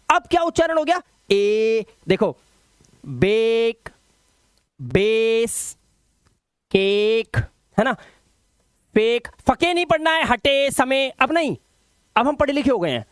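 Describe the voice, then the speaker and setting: A man teaching English pronunciation rules in an online lesson, emphatic and drilling each sound slowly by repetition. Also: very high-pitched, dry recording, studio quality.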